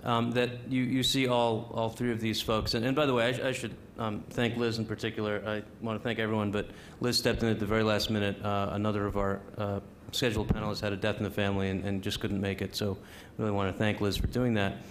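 Man moderator, lower voice, polite, faint rumble in the hall. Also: level tone, quick pace, few pauses. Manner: polite, thanking, slight stumbles. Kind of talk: panel moderation.

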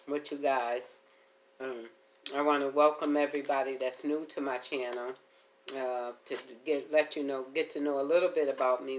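A woman's voice: rumbling low, slight background noise. A middle-aged woman vlogging at home, chatting to her viewers in a rambling, homey way while she eats and hums between bites. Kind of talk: casual eating chat to camera.

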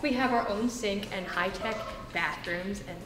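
A woman's voice: medium pitch, unhurried, loud music behind the voice. Chatty teen girl in a roomy classroom. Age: teenager. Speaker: student interviewee. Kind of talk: casual interview. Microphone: handheld mic held by interviewer. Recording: roomy, from a distance.

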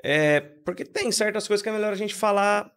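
A man on a podcast with a fairly high voice, making his points emphatically in casual chat. He is opinionated and keeps slipping into little acted-out bits of dialogue to show what he means. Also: a little fast, fairly bright tone, clean tone. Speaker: podcast co-host.

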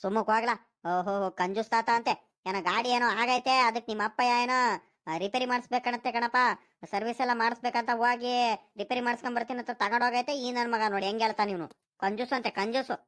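A woman's voice: a little high, steady tone, brisk, a bit bright, lightly acted. A woman voicing a stingy, fussy old village grandfather in a cartoon, nagging and haggling, with a rural Karnataka Kannada accent. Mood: scolding. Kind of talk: cartoon voice acting.

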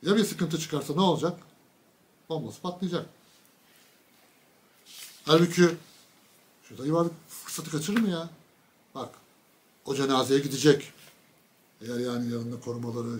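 A man giving a casual political monologue, mocking and ranting, with sudden loud bursts and low asides. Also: normal speed, long pauses, slight background noise. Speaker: political commentator.

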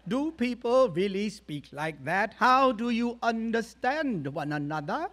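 A man voicing a haughty older woman acting teacher with a slow, affected upper-crust drawl. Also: sits high, sing-song, fairly bright tone, voice pushed up, full character voice. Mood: condescending.

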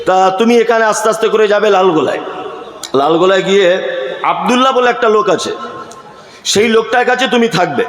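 A man preaches in a high voice that rings out through a big echoing hall. He is emphatic and keeps asking the crowd questions, then answering them himself. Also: a bit bright. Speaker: Islamic preacher. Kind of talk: sermon at a religious gathering. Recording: echoey hall.

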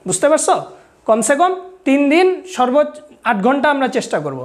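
A young woman teaching Quran reading, slowly sounding out Arabic letters and vowel marks for her students to repeat. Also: high voice, big pitch swings. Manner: slow, syllable-by-syllable recitation and patient instruction.

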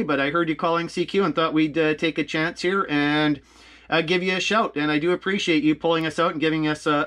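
A man from Canada with a bright, forceful, fairly high voice casually narrates and talks ham radio as an amateur operator and video host. He spells out call signs using the phonetic alphabet.

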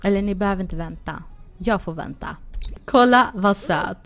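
A woman's voice: mid-range voice, vocal fry, fairly bright tone, soft background music. Chatty woman commenting on a life-sim game. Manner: chatty, exclaims and laughs, talks to her sims. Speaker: gaming channel host. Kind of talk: casual Let's Play commentary.

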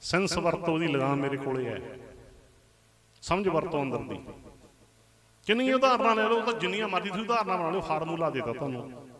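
A man's voice: fairly high pitch, very animated, fairly quick, pauses often, fairly bright tone. A man preaching a Sikh religious discourse, explaining with homely examples, repeating set phrases and calling for responses from the congregation. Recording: echoey hall.

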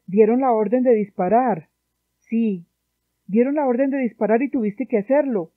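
A woman reading the part of a young male soldier who calmly reassures his comrade, heard through a dry, tinny phone-like sound. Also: on the high side, moderate pace, no echo, close to an everyday voice. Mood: consoling.

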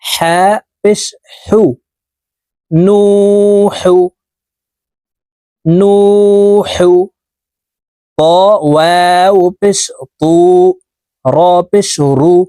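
A man teaching Quran reading, chanting letters and syllables one by one in a drawn-out way, with brisk asides of explanation. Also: sits high, darkish tone, clear, resonant tone, no room sound. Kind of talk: slow spelled-out recitation lesson.

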